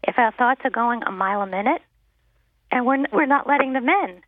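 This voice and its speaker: A woman's voice: on the high side, a little fast, no echo. Woman, medium, interview guest, earnest, reassuring, phone line audio, dry. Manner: earnest, reassuring, fond of "you know". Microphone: telephone. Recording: narrow telephone line.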